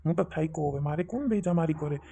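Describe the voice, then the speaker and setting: A man's voice: on the high side, fast talker, vocal fry, heavy background noise. A man with a Kathiawadi Gujarati accent playing an exasperated grown son in a family comedy skit, arguing back sarcastically and indignantly.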